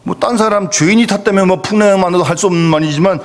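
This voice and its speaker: In a church sanctuary, a male pastor with a high, racing voice preaches an emphatic sermon, throwing rhetorical questions at the congregation. The recording echoes with the reverb of the church hall.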